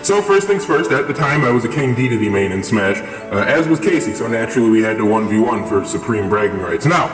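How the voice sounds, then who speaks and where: A man's voice: medium pitch, expressive, brisk, hardly any pauses. A young man rambling through a casual story with lots of fillers, his voice run through a voice changer. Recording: echoey with long reverb, music behind.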